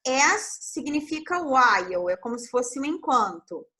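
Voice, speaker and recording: Bright high-voiced woman teaching. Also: sing-song, measured pace, poor audio. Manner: patient, fills blanks with sung "tananã", spells letters. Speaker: English teacher. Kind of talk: online class tutoring. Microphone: video call.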